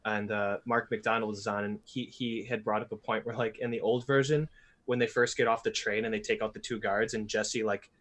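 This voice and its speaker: A man hosting a podcast in casual chat, animated and blunt, swearing freely. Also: on the low side, brisk. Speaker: podcast host.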